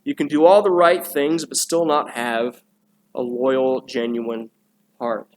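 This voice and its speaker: A man preaching a sermon in a church, talking in a loose conversational way with restarts and quick asides to the congregation. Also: medium pitch, flat delivery, slight background noise. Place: church sanctuary.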